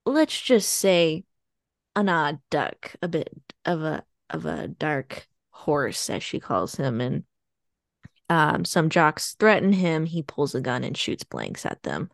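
A woman's voice: sits low, big pitch swings, takes it slowly, creaky, no echo, clean studio sound. A woman co-hosting a podcast, chatting casually and retelling a plot with lots of fillers. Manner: rambling plot summary with fillers and laughs. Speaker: podcast co-host. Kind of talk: casual chat.

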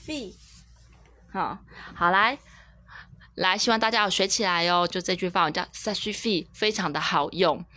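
A mother who teaches French, gently coaxing her young daughter through a casual lesson and slowly repeating each word, mixing in English phrases. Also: on the low side, no room sound. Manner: patient, coaxing, repeats words slowly and clearly; switches between Chinese, French and English.

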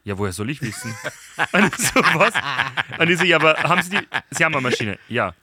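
A young man, a podcast host, chatting casually and acting out stories with lively dialogue. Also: a little high, fast, slightly rough, no echo, studio quality. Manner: animated storyteller, acts out dialogue. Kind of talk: casual chat.

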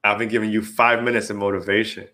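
This podcast host talks fast in a lowish, level voice that sounds pushed and bright. His style is casual and playfully hyped, and he often drops in "right?" and "you know what I mean".

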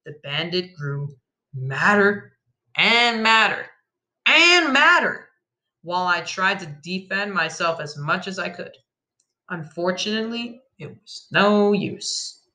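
A storyteller narrating a dramatic first-person tale, emphatic and given to loud outbursts. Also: mid-range voice, a little slow. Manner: emphatic, shifts from flat telling to loud outbursts.

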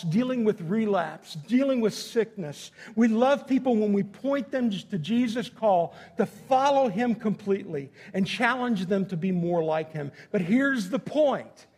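High-pitched man preaching an emphatic sermon. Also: darkish tone, breathy edge. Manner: emphatic, repeating phrases for effect. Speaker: pastor. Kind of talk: sermon to a congregation.

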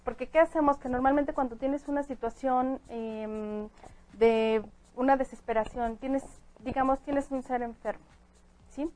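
Woman, calm spiritual talk. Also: high voice, unhurried, rough recording. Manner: calm, explanatory, spiritual advice. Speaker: guest angel reader. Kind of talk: casual chat.

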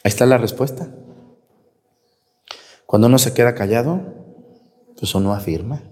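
Teasing priest in a reverberant church. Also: male voice, mid-range voice, normal speed, darkish tone. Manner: colloquial, teasing, rhetorical questions to the congregation. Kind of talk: homily at Mass. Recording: long reverb of a large church.

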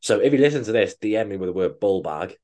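A man co-hosts a casual podcast, rattling along at a quick clip. His voice sits low, and he rambles through sweary, joking banter. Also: animated, dark tone. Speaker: podcast co-host.

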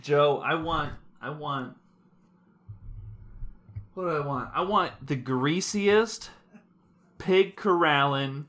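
Male podcast host, relaxed, rambles, teases his friends. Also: fairly high pitch, slow pace, pauses often. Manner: laid-back, rambling, teasing. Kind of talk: casual chat.

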